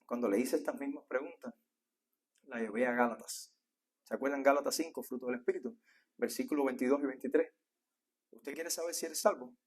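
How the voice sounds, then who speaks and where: Husky Cuban man preaching a sermon. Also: medium pitch, a little fast, pauses often. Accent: Cuban Spanish. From Cuba. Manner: preaching with rhetorical questions, often asking "¿eh?". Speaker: pastor. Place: church.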